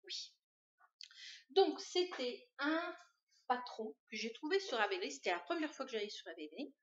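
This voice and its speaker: A woman's voice: sits high, very animated, normal speed. A woman hosting a knitting podcast, showing her projects in a chatty, hesitant way with many fillers. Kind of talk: casual show-and-tell chat. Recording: dull lo-fi sound.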